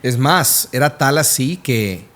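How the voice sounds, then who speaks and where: A man's voice: mid-range voice, expressive, slow pace, a bit bright. A man co-hosting a casual Bible discussion podcast, who affirms his co-host and explains scripture in a conversational way.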